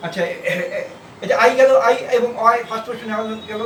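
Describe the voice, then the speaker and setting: A man teaching a shorthand class, repeating words slowly and spelling out their letters. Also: extremely high pitch, a bit bright. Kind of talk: classroom lesson. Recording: roomy, distant, faint background noise.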